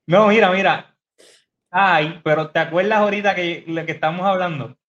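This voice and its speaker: A man's voice: sits high, normal speed, fairly bright tone, muffled recording. A man hosting a casual podcast, teaching about biblical Greek with many fillers and restarts over a video call. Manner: hesitant, many fillers and restarts, laughs easily.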